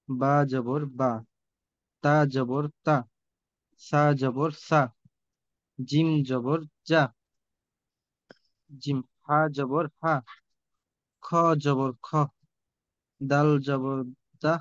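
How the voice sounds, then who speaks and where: A man's voice: mid-range voice, steady tone, drawn-out words, pauses often, dry recording, highs cut off. A man taking part as a student in an online Quran class, hesitantly reciting Arabic letters one at a time.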